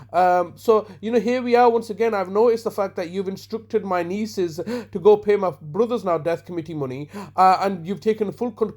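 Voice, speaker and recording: A man with a high voice leaves a voicemail of complaint. He talks in formal legal terms, accusing and repeating himself, often stumbling and restarting his phrases. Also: a little mellow. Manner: halting, repetitive, accusatory, formal legal wording. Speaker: caller leaving a voicemail.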